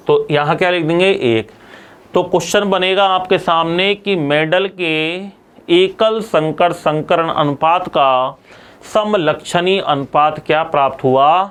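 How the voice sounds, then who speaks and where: High, clear-voiced male teacher drilling students. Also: fairly bright tone. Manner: asks students questions and answers them himself; repeats key terms for drilling. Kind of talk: classroom lecture.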